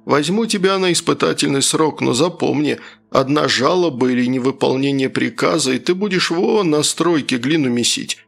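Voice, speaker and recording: A man's voice: on the high side, moderate pace, hardly any pauses, a bit bright. A man voicing a blunt, commanding male warrior mentor in an audiobook. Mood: stern. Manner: blunt, commanding, rough-spoken.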